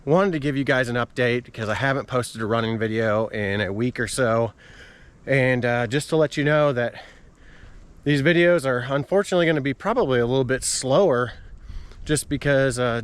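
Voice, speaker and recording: A man's voice: mid-range voice, normal speed, smooth. A man talking casually to his viewers as a running vlogger while out on a walk outdoors. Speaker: running vlogger and channel host. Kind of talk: casual vlog talk to camera.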